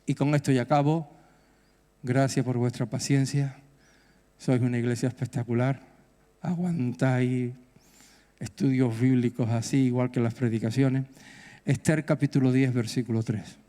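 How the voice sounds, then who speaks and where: A man's voice: fairly even intonation, moderate pace, pauses often, mellow. A middle-aged man with a Peninsular Spanish accent preaching a fervent, exhorting sermon as pastor. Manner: fervent, exhorting, rising to high bursts. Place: church hall. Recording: echoey church hall.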